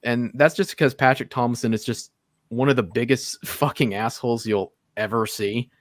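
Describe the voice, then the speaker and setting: A man's voice: mid-range voice, fairly even intonation, moderate pace, dry recording, studio quality. A man appearing as a guest on a live stream, talking casually and at length, swearing and leaning on "like" and "you know" as he laughs. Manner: rambling and profane, with constant "like" and laughter. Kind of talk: casual conversation.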